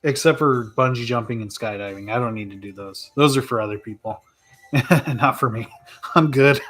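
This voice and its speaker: A man streaming live and answering viewer questions in a relaxed, rambling way, thinking aloud with plenty of fillers and laughs. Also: mid-range voice, normal speed. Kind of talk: casual live chat.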